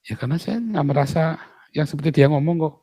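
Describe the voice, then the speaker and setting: A man's voice: fairly high pitch, quick pace, warm tone, no room sound, clean studio sound. A man, a pastor, talking in an outspoken casual way, emphatic and full of rhetorical questions.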